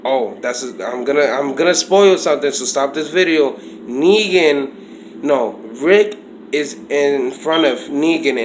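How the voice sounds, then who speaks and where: A man rambling to his viewers in an offhand vlog, his voice sitting at an ordinary middle pitch. He talks loosely, circling back and restarting sentences as he goes. A faint hiss sits under the voice. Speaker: vlogger. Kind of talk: casual vlog talk to camera.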